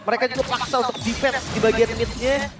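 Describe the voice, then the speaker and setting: High, quick Indonesian male co-commentator. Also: level tone, music in the background. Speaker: esports co-commentator. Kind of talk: conversational match analysis. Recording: echoey, distant, noisy background.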